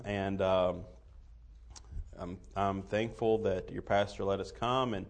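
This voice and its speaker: A male preacher with an Appalachian accent speaks to his congregation. His delivery is folksy and unpolished, with halting phrases and a modest, self-deprecating touch. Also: on the low side. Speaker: visiting missionary preacher. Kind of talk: sermon, folksy address to a congregation.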